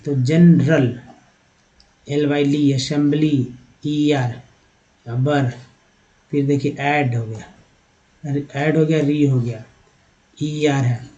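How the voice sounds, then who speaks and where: Here a warm, fairly high-pitched male voice comes through a muffled recording. With an Indian accent, he runs an online English class that breaks words down into letters and sounds. He addresses his viewers directly, repeating "dekhiye," while he slowly spells and sounds out each word.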